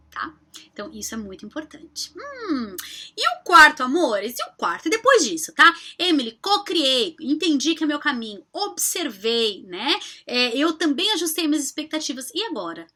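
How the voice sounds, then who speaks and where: Bright, animated woman therapist. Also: fairly high pitch. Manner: affectionate, addresses viewers as "amores"; emphatic, rhetorical questions. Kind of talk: casual vlog talk to viewers.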